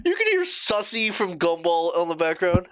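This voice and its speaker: A man's voice: high-pitched, very animated, moderate pace, a bit bright, no echo. A young man doing casual reaction commentary as a YouTuber, swearing freely and laughing at himself.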